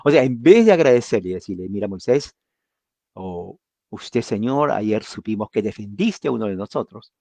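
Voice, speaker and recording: A man's voice: fairly low pitch, expressive, moderate pace, gravelly, warm tone, no echo. Spanish-speaking man teaching the Bible. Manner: explains with rhetorical questions and acted-out quotes.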